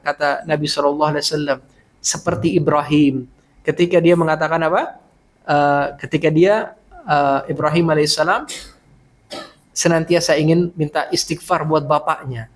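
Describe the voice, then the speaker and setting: A man giving a religious study lecture in a mosque, with a conversational teaching manner full of "ya" and direct address to the listeners. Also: high-pitched. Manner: addresses listeners as "Pak", many "ya" fillers. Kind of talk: sermon-style lecture.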